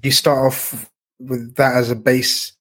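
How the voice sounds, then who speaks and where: A man's voice: mid-range voice, little pitch movement, a little slow, fairly bright tone, slightly rough. Hesitant man giving football punditry. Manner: hesitant, repeats words while weighing his view. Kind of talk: casual sports discussion.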